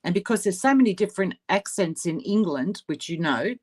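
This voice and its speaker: Brief: woman from Sydney, Australian accent, lower pitch, loose conversational rambling, casual craft chat. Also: lively intonation, a little fast, a little mellow, slightly rough. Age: older. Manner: rambling, searches for words. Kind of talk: casual live-stream chat.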